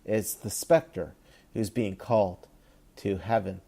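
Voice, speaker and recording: Slow, low-voiced male podcast host. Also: vocal fry, dark tone, husky. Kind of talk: casual podcast commentary.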